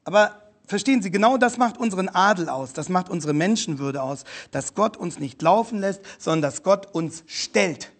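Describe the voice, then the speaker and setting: A man preaching a sermon, emphatic, addressing the congregation directly, rising to loud exclamations and dropping to quiet asides. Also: high-pitched, lively intonation, moderate pace, hardly any pauses.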